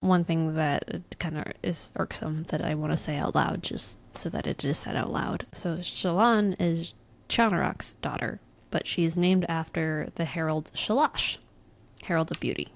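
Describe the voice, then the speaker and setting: A woman's voice: deep voice, measured pace, vocal fry. A woman co-hosting a podcast in casual chat, thinking aloud and correcting herself as she goes. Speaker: podcast co-host.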